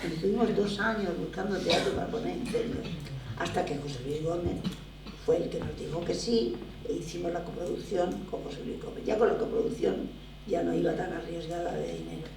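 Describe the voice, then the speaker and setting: Her pitch fairly low and her pace a little quick, a gravelly older woman from Barcelona, Spain, tells stories animatedly and emphatically. She's a guest theatre producer being interviewed conversationally in a lecture room at a drama school. The recording is echoey and faintly noisy, with her voice coming from far off.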